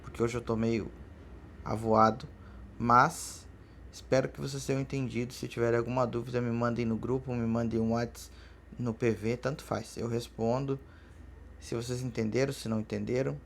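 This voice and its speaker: A man teaching an online language lesson in a relaxed, chatty way, often checking in with his students. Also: mid-range voice, moderate pace, gravelly, slight background noise. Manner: relaxed, chatty, frequent filler tags.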